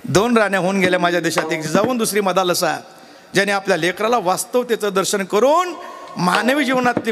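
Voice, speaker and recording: A man's voice: high-pitched, fairly bright tone, in a large hall. A man with a Marathi accent preaching a devotional kirtan sermon, telling a story and acting out the voices in it. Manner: acts out quoted voices of a husband and wife.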